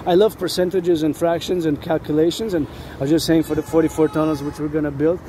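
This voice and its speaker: A vlogger gives a rambling monologue outdoors near a road, insistently repeating words and phrases. His voice is fairly high, steady and fast. Loud traffic noise, passing vehicles and urban ambience fill the background.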